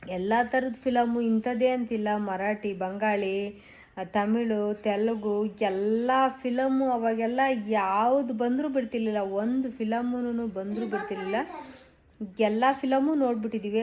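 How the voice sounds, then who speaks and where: A woman's voice: medium pitch, warm tone, a little hiss or hum, rough recording. A middle-aged woman, chatting casually to her viewers in a rambling way with many fillers. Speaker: vlogger. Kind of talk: casual chat to camera.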